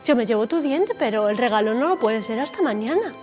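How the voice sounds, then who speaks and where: A woman voicing a kind, busy little male mouse who talks briskly. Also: a little high, animated, darkish tone, lightly acted. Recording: faint music behind.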